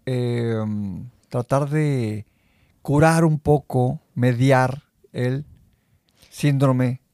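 A middle-aged man with a Mexican accent co-hosting a casual podcast, relaxed and jokey, often chiming in with quick agreements. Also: mid-range voice, dry recording, studio quality. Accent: Mexican Spanish. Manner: relaxed, jokey, keeps interjecting short agreements. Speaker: podcast co-host.

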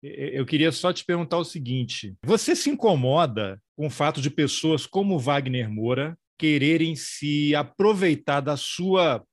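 A man's voice: a little high, lively intonation, measured pace, few pauses, dry recording, clean studio sound. A man hosting a casual interview, asking teasing, playful questions. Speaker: interviewer, host.

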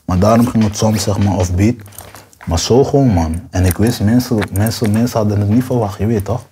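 A man's voice: on the low side, a little fast, a little hiss or hum. A young man rapper, interview guest, talking in casual street slang and acting out quotes with a raised voice. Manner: animated, acts out quotes with raised voice.

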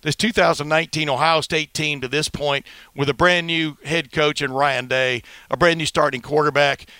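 Bright, crisp-voiced male sports podcaster. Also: fairly high pitch, fairly even intonation, moderate pace, dry recording. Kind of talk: chatty sports commentary and interviewing.

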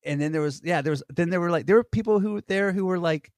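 A man's voice: high voice, fast, a little mellow, dry recording, studio quality. A man co-hosting a podcast, telling stories in rambling casual chat full of fillers and restarts. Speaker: podcast co-host. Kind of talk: casual conversation.

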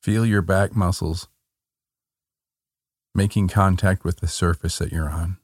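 A man with a deep voice leads a guided relaxation in a calm, meditative tone. He speaks very slowly, in gentle short phrases, and the sound is dry and close. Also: no room sound. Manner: gentle, unhurried instruction with short soothing phrases. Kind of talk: guided body-scan relaxation.

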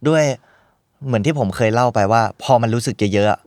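A man's voice: mid-range voice, fairly quick, darkish tone, no room sound, studio quality. A young man being interviewed as a guest, explaining hesitantly and often repeating words. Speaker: guest actor. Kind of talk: casual interview answers.

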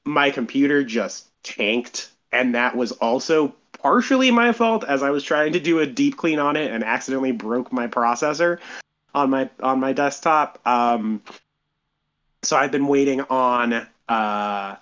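A man co-hosting a podcast in casual chat, speaking haltingly and carefully with a self-deprecating touch, recorded on his phone. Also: medium pitch, a bit bright, muffled recording. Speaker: podcast co-host.

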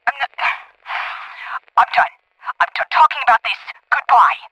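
An actress playing an angry site director who turns sarcastic on a call. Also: female voice, high-pitched, moderate pace, pushed and bright, husky, dry recording, full character voice, low-quality recording. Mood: furious.

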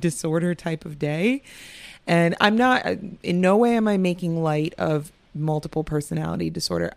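A woman's voice: low voice, darkish tone, dry recording. A young woman hosting a casual solo podcast, chatty and candid, often laughing and swearing. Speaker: podcast host.

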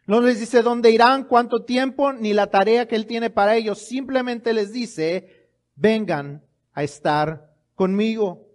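High-voiced man preaching a sermon. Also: fairly even intonation, unhurried. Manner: emphatic preaching with rhetorical questions. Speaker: pastor.

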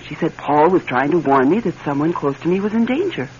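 In a classic radio drama, a woman voices an anxious, affectionate wife haunted by her late husband, sounding hesitant, emotional, confessing and evasive. Her low voice is expressive, a little fast and darkish. The old radio recording is dull and hissy.

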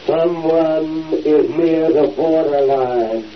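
A hollow ghost voice through a megaphone, dragging every word out very slowly in an old radio drama. The sound is dull, with faint hiss behind it. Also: male voice, a little high. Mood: eerie. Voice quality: drawn-out, eerie. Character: hollow, slow-speaking male ghost voice. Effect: spoken through a megaphone. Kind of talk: 1940s radio acting.

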